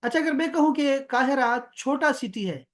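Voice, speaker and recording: A man teaching Arabic on a video call, explaining slowly and repeating words for his student. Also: very high-pitched, expressive. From Pakistan. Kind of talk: online one-on-one language lesson.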